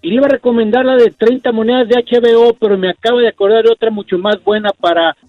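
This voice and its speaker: A man, co-hosting a radio show and talking in halting, repeated phrases. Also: very high voice, fairly even intonation, no echo. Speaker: radio co-host. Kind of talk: casual radio chat. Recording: dull radio audio with faint music.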